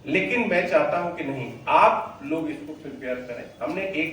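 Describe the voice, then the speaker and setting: A man leading a motivational sales training on stage, energetic and drilling his audience to answer loudly. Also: on the high side, normal speed, a little hiss or hum. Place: hall with a stage. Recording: very echoey hall, voice from far off.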